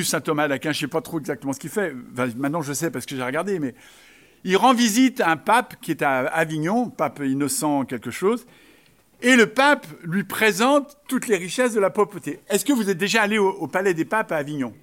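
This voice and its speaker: A man's voice: high-pitched, fairly bright tone. A man preaching a sermon, talking conversationally with joking asides and emphatic repeated phrases.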